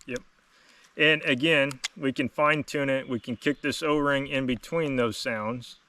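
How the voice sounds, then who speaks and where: Casting note: male demo host, slightly low voice, plain-spoken and casual, recorded away from the mic. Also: steady tone, a little slow, bright, forceful tone, recorded from a distance. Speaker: host demonstrating duck calls. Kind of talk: casual product demonstration.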